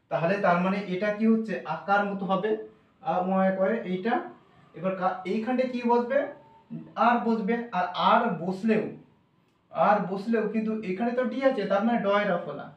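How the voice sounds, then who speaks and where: A man with a high voice explains English pronunciation, slowly sounding out each letter and repeating himself patiently. He is heard from a distance in a roomy, echoing space. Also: dull audio. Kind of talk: classroom explanation. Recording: echoey room from far off.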